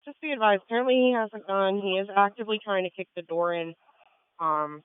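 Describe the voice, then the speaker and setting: A man relays terse radio updates in a high voice, talking fast. The two-way radio makes him thin and slightly hissy. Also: narrow, tinny audio.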